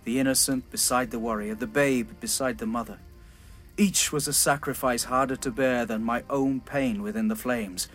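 A man voicing an ancient elf king whose calm, sharp anger swells into shouts, in a dramatized fantasy audiobook. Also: medium pitch, moderate pace, faint music behind, lightly acted. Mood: grim anger. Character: ancient elf king, grief-stricken, raging, proud.

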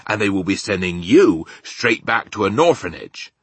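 A man voicing a big, gentle but stubborn storybook giant who talks in muddled grammar and invented words. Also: on the low side, very animated, moderate pace, husky, no room sound, pitched above the performer's own voice, full character voice. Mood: firm, wary. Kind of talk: children's storybook character reading.

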